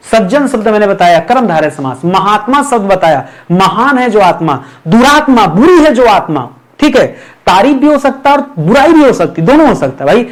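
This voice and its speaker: Man, high voice, exam-prep grammar teacher, repetitive, checks in with listeners. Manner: repeats key terms, checks in with listeners.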